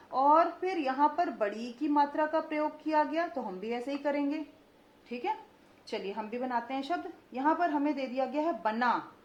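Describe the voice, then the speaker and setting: Her high, slightly mellow voice echoes around the room as a young woman walks children through Hindi vowel marks. Each word comes out slow and stretched to highlight vowel length, with frequent "ठीक है" check-ins and call-and-response questions, all on a slightly dull lo-fi recording.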